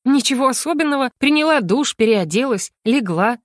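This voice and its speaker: A woman voicing a defiant, flustered young woman under interrogation, higher and livelier than her narration, in an audiobook. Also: a little fast, no echo, studio quality. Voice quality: raised pitch, lively and indignant. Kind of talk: audiobook character voice.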